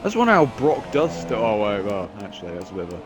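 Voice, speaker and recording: A man with a fairly low, sing-song voice talks fast over background noise, commentating a sim race in casual chat. A cold makes him sound nasal, and he rambles along, chatty and poking fun at himself.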